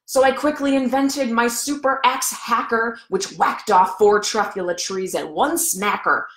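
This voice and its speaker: A woman's voice: on the high side, a little slow, fairly bright tone. A woman voicing a boastful, greedy male factory owner who tells his tale in a dramatic storybook read-aloud. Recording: echoey room.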